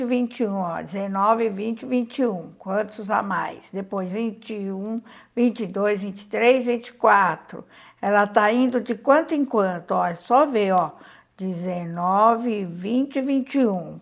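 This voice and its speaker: Speaking in a mid-range voice with vocal fry, a woman who teaches primary school in Brazil goes through a worksheet with young children. She reads it out, explains it, counts aloud patiently and asks them questions, her accent Brazilian Portuguese.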